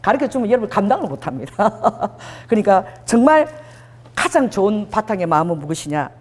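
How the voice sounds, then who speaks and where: A woman's voice: medium pitch, very animated, fairly quick, darkish tone, husky. A woman pastor preaching a sermon, exhorting her congregation and having them repeat phrases after her. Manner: voices God's words in first person.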